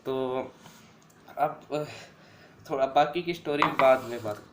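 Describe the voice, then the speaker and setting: A man's voice: mid-range voice, slow, a little hiss or hum. Chatty young man in an echoey room. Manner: chatty, addresses listeners as "bhai". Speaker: vlogger. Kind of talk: casual storytelling. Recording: roomy echo.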